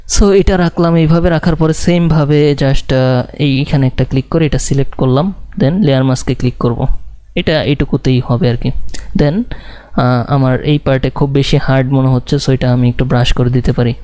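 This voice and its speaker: A man teaching a live design tutorial, talking slowly and thinking aloud with many fillers and English words mixed in. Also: mid-range voice, steady tone, mellow, clean tone, no echo.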